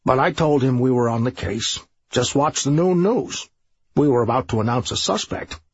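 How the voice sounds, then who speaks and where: A man's voice: medium pitch, slightly rough, no room sound, lo-fi sound. A man voicing a scheming, bossy middle-aged police sergeant who waves off every worry. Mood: dismissive. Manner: brisk, bossy, dismissive.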